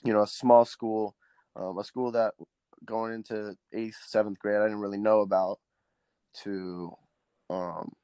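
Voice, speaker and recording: A teenage high school quarterback from Southern California, a native Spanish speaker, answers interview questions earnestly as a guest, with many ums and restarts. His male voice is lowish, warm and level, unhurried, and recorded clean with no echo.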